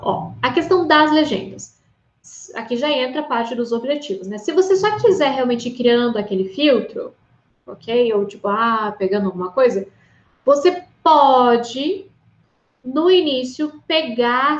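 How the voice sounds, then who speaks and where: Chatty Brazilian woman teaching languages. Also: fairly high pitch. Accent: Brazilian Portuguese. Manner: chatty, keeps checking in with the listener. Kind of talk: casual online language lesson. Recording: roomy, slightly dull recording.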